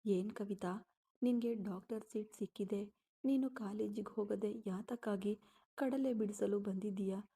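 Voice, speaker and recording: A woman's voice: mid-range voice, fairly even intonation, a little slow, dark tone, slightly rough. A woman voicing a mocking village woman teasing a coworker, read in a storybook style.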